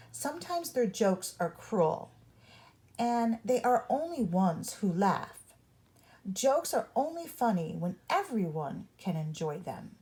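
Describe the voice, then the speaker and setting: A picture book is read aloud for small children by a woman with a medium-pitched, darkish voice, whose read-along phrasing is deliberate and instructive.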